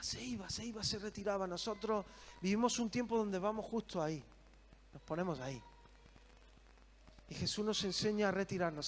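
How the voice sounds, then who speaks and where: A man preaching a sermon, earnest and full of rhetorical questions. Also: sits high.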